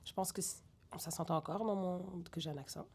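Woman rapper, raised in Senegal, French accent with Québécois traces, chatty and animated interview guest. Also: lowish voice, a little fast, husky. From grew up in Senegal. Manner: animated, digressive, many fillers. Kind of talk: candid interview conversation.

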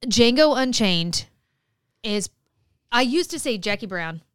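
Woman, podcast co-host, casual chat, enthusiastic, swears freely, animated pitch, dry sound. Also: slow, clean tone, no room sound.

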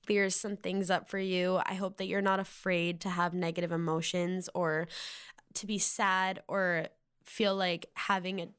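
Woman in her twenties, Valley Girl accent, solo podcast host, casual rambling delivery, slightly low voice. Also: fairly bright tone, clear, resonant tone. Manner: rambling, heavy use of "like" fillers.

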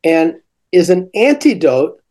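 An older man, a teaching coach, explaining classroom ideas slowly in a relaxed podcast conversation. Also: a little high.

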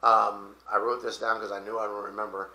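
Bright-voiced man rambling on crypto. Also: on the low side, flat delivery, a little fast, vocal fry, echoey room. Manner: rambling, explains with fillers and restarts. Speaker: podcast host. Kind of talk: casual crypto talk show chat.

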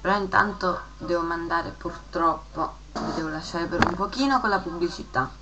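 Chatty Italian-speaking woman host, lowish voice. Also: moderate pace, a little hiss or hum, low-quality recording. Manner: chatty, reads verse with lively emphasis. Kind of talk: casual broadcast chat and rhymed joke reading.

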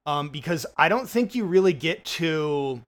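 A man's voice: fairly high pitch, expressive, unhurried. A man co-hosting a film review podcast, chatting casually with many fillers and restarts, swearing now and then.

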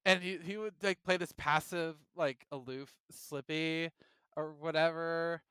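A man co-hosting a podcast, chatting in a loose, jokey way and breaking into goofy impressions. His voice is very bright and fairly high, with a crisp clarity. It swings widely in pitch and is recorded close and dry. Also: no echo. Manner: animated, jokey, quick to do silly impressions. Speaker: podcast co-host. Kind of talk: casual chat.

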